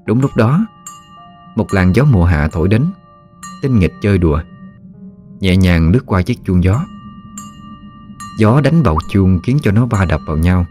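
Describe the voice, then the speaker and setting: A man narrating a story in a calm, measured storytelling voice. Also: low-pitched.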